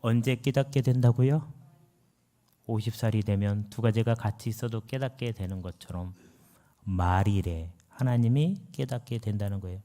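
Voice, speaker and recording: Animated male preacher telling a story. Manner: lively storytelling with sudden rises and drops in pitch and volume. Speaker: pastor. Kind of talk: sermon.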